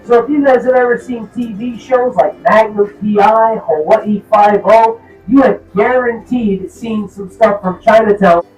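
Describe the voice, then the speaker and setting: A man's voice: high-pitched, unhurried, few pauses, a little mellow, reverberant, soft background music. A man guiding a trolley tour, giving riders informative commentary, recorded from a distance on the moving trolley. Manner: informative, addresses riders directly. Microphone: distant, recorded by a tourist's camera.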